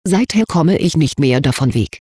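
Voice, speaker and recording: A man with a husky voice reading an anonymous confession aloud in an even, matter-of-fact way. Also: fairly high pitch, normal speed, no room sound, clean studio sound.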